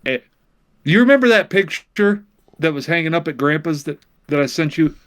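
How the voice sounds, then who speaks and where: A man's voice: a little high, animated, moderate pace. A man co-hosting a comedy podcast, chatting casually, stammering and repeating words with some swearing. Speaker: podcast co-host.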